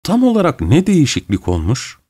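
Man voicing a fawning widower, shrill, affected, theatrical, audiobook. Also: wildly swooping pitch, brisk, darkish tone, husky, heavily acted. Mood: sly. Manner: gushing, theatrical, overly familiar. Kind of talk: audiobook character reading.

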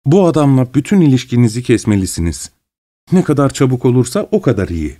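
A man voicing a thoughtful, caring middle-aged woman who speaks in a measured, earnest way. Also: medium pitch, very animated, dark tone, dry recording, clean studio sound. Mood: concerned.

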